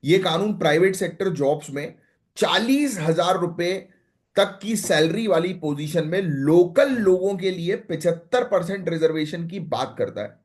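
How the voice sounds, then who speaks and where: A man's voice: high voice, lively intonation, measured pace, a little mellow. A young man teaching current affairs for exam prep, chatty and direct, mixing English terms in and checking in with "है ना?". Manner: conversational Hindi-English mix, frequent "है ना?" and "ठीक है"; direct, advising students what to note.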